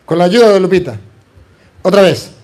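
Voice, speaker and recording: Emphatic higher-voiced priest preaching. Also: male voice, lively intonation, normal speed, darkish tone. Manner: emphatic, asks the audience rhetorical questions, jokes. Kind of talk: preaching sermon.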